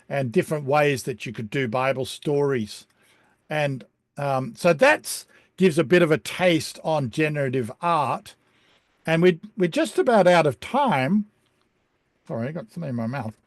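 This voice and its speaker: A man presenting an online beginner lesson over a video call, speaking in a relaxed, chatty way with frequent ums. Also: mid-range voice, no room sound, clean studio sound. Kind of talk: casual explanatory talk on a video call.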